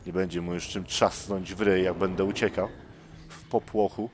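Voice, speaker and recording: A man with a fairly low voice talks his way through a horror game, tense and jumpy, muttering under his breath. His commentary rides over clearly audible background noise. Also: fairly even intonation, moderate pace. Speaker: let's play gamer. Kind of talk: let's play commentary.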